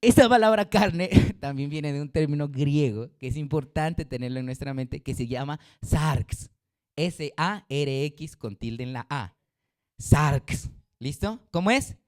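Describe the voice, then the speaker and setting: A middle-aged man preaches a sermon in a somewhat high voice. He keeps quizzing the congregation in call-and-response, and his delivery jumps between loud, emphatic rises and quiet, low drops. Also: unhurried. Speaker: pastor.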